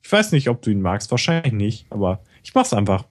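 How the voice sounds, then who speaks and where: A man co-hosting a casual podcast chat, teasing and sarcastic with an animated delivery. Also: fairly low pitch, fairly quick, dry recording. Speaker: podcast co-host.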